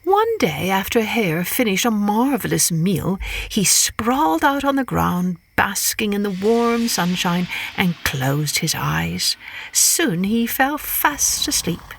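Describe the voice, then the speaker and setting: Woman, story podcast host, scripted narration for children, lively intonation, slow pace, expressive. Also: mid-range voice, creaky. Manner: expressive, carefully phrased.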